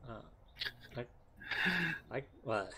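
Male game streamer chatting over music. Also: slow pace. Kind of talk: casual chat while playing a game.

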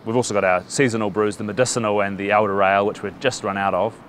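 A man who works at a brew bar, talking upbeat in a documentary interview and listing things quickly. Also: fairly low pitch, fairly even intonation, a bit bright, slight background noise. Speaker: brewery staff member.

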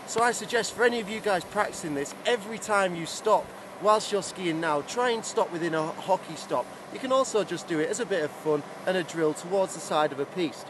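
A high-voiced man in his thirties gives upbeat, projected instruction as a ski coach. He explains to camera on an open slope, with clear outdoor noise around his voice. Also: brisk, hardly any pauses.

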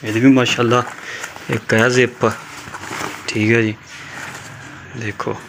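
A man's voice: mid-range voice, level tone, unhurried, vocal fry. A middle-aged man with a Pakistani Punjabi accent, casually showing off school supplies for a home vlog and often saying "okay" and "mashallah". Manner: repetitive, with frequent tags like "okay" and "mashallah". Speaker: vlogger. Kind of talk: casual show-and-tell vlog. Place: indoor room at home. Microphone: phone camera held by the speaker. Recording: loud background noise.

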